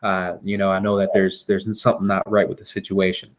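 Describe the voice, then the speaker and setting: A man with a fairly low voice and a Midwestern accent from Wisconsin makes a conversational sales pitch. He is agreeable and halting, often repeating words as he explains. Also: little pitch movement. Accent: American Upper Midwest. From Wisconsin, United States. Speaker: real estate seller pitching to a homeowner. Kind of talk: conversational phone sales call.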